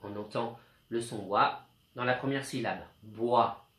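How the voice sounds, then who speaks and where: A man's voice: medium pitch, sharp tone, echoey room. Patient man teaching young kids. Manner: slow, clear, patient, speaking to young children. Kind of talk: home-schooling video lesson for children.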